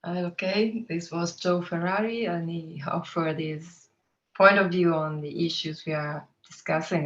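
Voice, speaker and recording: A woman's voice: fairly low pitch, dull audio. A woman moderating an online roundtable, speaking hesitantly and politely. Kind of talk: online meeting chat.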